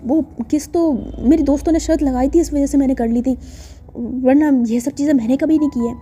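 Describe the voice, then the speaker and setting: A woman's voice: high-pitched, fairly even intonation, brisk, warm tone, lightly acted. Woman voicing a flustered shy young woman. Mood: anxious. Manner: stammering, anxious, pleading. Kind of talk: storytelling voice acting. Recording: dull lo-fi recording with faint music.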